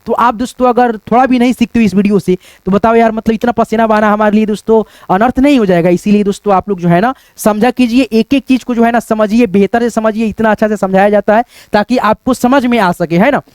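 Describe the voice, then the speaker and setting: A man teaching a whiteboard lesson, spelling out letters slowly and checking in with listeners, sweating as he works. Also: high voice, a little mellow, smooth, no echo. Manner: repeats "friends" and tag questions, spells out letters slowly.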